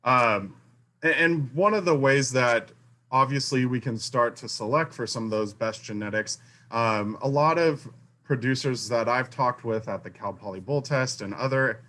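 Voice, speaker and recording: A man's voice: medium pitch, normal speed, bright, forceful tone. A university faculty member giving an online talk, his mic cutting in and out so his volume rises and falls, with many fillers and restarts. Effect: mic cutting in and out, uneven volume. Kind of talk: online conference presentation. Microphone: video call mic.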